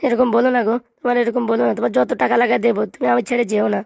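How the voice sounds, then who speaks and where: A woman voicing a henpecked married man in a cartoon, gravelly and pleading. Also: a little high, little pitch movement, rapid-fire, darkish tone, no room sound. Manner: pleading, emotional. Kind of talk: cartoon voice acting.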